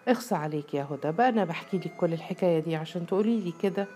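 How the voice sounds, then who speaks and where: A woman's voice: lowish voice, expressive, fast talker, darkish tone, faint music behind. A woman with an Egyptian accent voicing a distressed young female student who pleads earnestly as she confides a secret. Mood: troubled.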